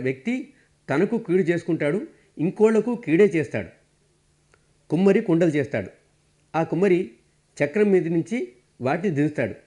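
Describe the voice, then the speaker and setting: A man giving a spiritual discourse as a meditation teacher, earnest and measured, teaching through parables. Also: a little high, dark tone.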